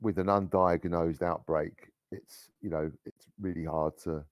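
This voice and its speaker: A man running a tabletop horror game as game master, talking in a halting way with many restarts. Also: low-pitched, fairly even intonation, no room sound.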